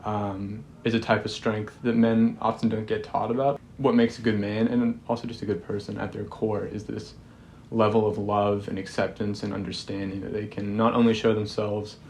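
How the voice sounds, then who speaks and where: A man's voice: fairly low pitch, flat delivery, normal speed, a little mellow, slight background noise. An eighteen-year-old man speaking earnestly and with feeling in a documentary interview. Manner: earnest, emotional, laughs while talking. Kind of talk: reflective interview.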